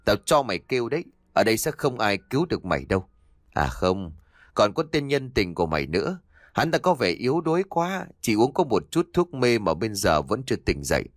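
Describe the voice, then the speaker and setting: A man voicing a cruel, vengeful young man in a ghost story, snarling insults in fast, harsh bursts. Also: lowish voice, big pitch swings, no echo, clean studio sound. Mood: furious.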